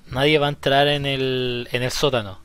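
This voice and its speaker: A man's voice: mid-range voice, flat delivery, moderate pace, a bit bright, clear, resonant tone. A young Chilean man streaming a horror game live, nervous and swearing, repeating lines when scared. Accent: Chilean Spanish. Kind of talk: live horror gameplay commentary.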